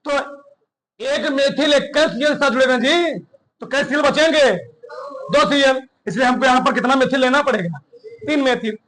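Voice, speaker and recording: A male chemistry teacher, speaking in a strikingly high, bright and forceful voice. He keeps throwing questions at his class and answering them himself, then dictates notes word by word with repeats. His tone is a brisk classroom lecture. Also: low-quality recording. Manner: drills students with call-and-response questions.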